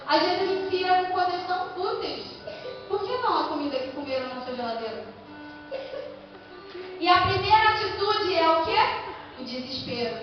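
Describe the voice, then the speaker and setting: A young Brazilian woman preaching a sermon in a church, animated, acting out people's reactions as she speaks. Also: very high voice. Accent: Brazilian Portuguese. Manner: animated, acts out quoted reactions in her own voice. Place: church hall. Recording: echoey church hall, far from the mic, dull sound.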